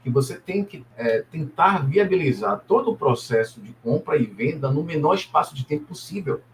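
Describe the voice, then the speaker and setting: A middle-aged man from Salvador, a businessman telling his story as an interview guest, relaxed and hesitant with frequent tag questions. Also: on the high side, moderate pace, slight background noise. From Salvador, Brazil. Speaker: guest, businessman and property investor.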